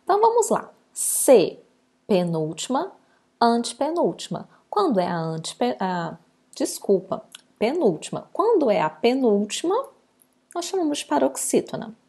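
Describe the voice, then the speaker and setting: Woman teacher, slightly high husky voice, lively sing-song delivery, slow patient syllable drills for kids. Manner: patient, stretches out words syllable by syllable. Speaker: primary school teacher. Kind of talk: recorded remote lesson for children.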